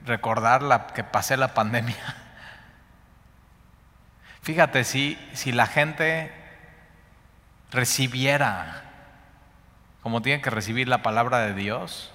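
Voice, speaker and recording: A man with a Mexican accent preaching a sermon on a Bible passage, repeating words for emphasis and swinging between loud and hushed. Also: medium pitch. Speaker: Bible teacher. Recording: long hall reverb.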